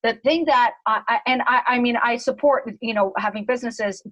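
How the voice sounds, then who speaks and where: A woman's voice: on the high side, a bit bright, poor audio. A woman hosting a casual group chat, talking in a rambling way and repeating words as she works out her thought. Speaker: group host.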